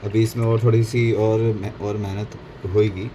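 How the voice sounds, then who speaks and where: A painting instructor talks through a relaxed tutorial in a fairly low, mellow, level voice at normal speed, switching between Hindi and English and fixing his own slips along the way. The audio quality is poor, with faint background noise.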